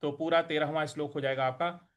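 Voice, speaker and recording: Male scripture teacher, high and smooth, devotional, slow deliberate chanting with brisk asides. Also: fairly even intonation. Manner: slow measured chanting of verses, then quick plain explanations; devotional greetings. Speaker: Gita teacher. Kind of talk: recitation and pronunciation lesson.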